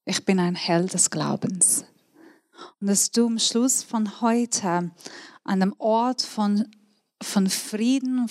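A woman preaching a sermon and reading scripture aloud, speaking earnestly with restarts and clumsy grammar, coughing and clearing her throat at times. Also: medium pitch, no room sound, studio quality.

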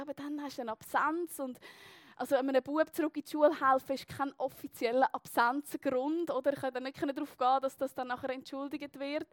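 A woman's voice: high voice, fairly bright tone, no echo. A young woman with a Swiss German accent telling a personal story to an audience in a chatty way, with many fillers and tag questions.

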